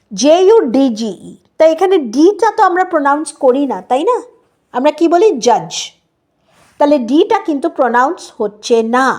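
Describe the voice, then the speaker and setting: High-voiced woman teaching spelling. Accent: Bengali. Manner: explains patiently, spells words letter by letter, often adds "right?". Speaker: English teacher. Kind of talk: casual spoken lesson.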